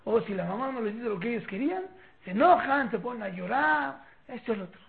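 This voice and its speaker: Here the teacher talks fast in a creaky, mid-range voice, his Mexican accent clear as he lectures on faith and parenting. He plays out household moments and pokes fun with rhetorical questions. It comes through a tinny, phone-style line carrying faint noise.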